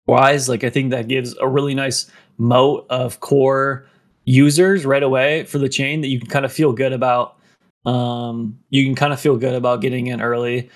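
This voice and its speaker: A man talking in a casual podcast, rambling and filling his speech with "like" and "um", somewhat out of breath. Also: medium pitch. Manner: rambling, heavy use of "like" and "um". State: running out of breath.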